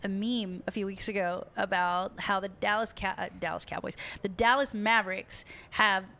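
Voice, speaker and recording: A woman's voice: mid-range voice, fairly even intonation, normal speed, bright, forceful tone. Upbeat woman talking sports. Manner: upbeat, chatty, laughs easily. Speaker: podcast co-host. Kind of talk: casual sports talk.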